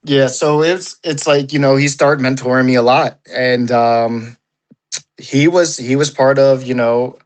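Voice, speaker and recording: A man in a casual sit-down interview, talking at an average pitch. He rambles and leans hard on "you know" and "like," dropping the odd swear word along the way. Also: steady tone, unhurried, low-quality recording. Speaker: paintball player, interview guest.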